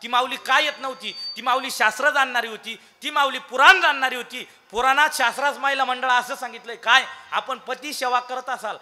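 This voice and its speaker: A man giving a devotional kirtan sermon, telling a story. He swings between loud declaiming and hushed asides and keeps quizzing the audience. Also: extremely high pitch, fairly even intonation, fairly quick, hardly any pauses. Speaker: kirtan preacher.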